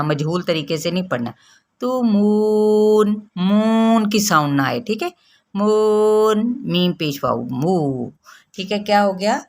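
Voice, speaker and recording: Woman tajweed teacher, lowish voice, patient and methodical, stretches words slowly when demonstrating. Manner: patient step-by-step explaining, drawing out recited words slowly. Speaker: Quran recitation teacher. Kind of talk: tajweed lesson.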